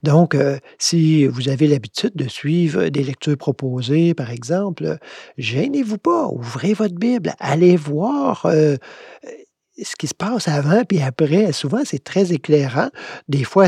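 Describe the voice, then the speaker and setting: A man's voice: fairly high pitch, gravelly, darkish tone, husky, no echo, studio quality. A man with a Québécois accent gives a conversational Bible commentary, reflective and questioning as he reads and explains. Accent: Québécois French. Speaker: spiritual teacher.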